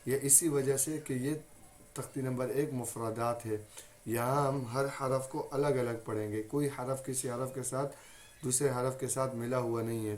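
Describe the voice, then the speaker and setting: Patient Urdu-accented male tajweed teacher. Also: mid-range voice. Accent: Pakistani Urdu. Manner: patient, repeats each point and demonstrates letters loudly. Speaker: Quran recitation teacher. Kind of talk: Quran recitation lesson.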